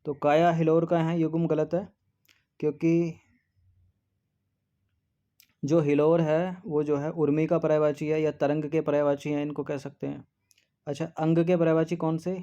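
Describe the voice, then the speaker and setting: A man's voice: a little high, level tone, moderate pace, pauses often, mellow. Male exam-prep teacher, methodical and level, with a dull lo-fi sound. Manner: methodical, reads options aloud and eliminates them one by one. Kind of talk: explaining a Hindi test paper. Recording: dull lo-fi recording.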